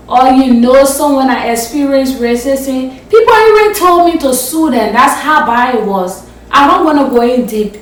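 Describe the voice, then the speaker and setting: A woman's voice: high voice, far from the mic. A woman vlogger from Africa telling a story-time vlog, speaking passionately and emphatically, sometimes swearing. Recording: roomy echo, voice off the mic.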